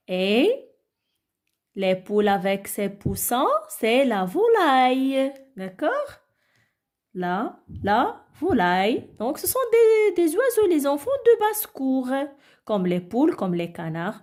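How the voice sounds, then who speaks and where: A woman's voice: fairly high pitch, darkish tone. A woman teaching a phonics reading lesson to young children, patiently repeating sounds and syllables and praising often. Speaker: primary school teacher.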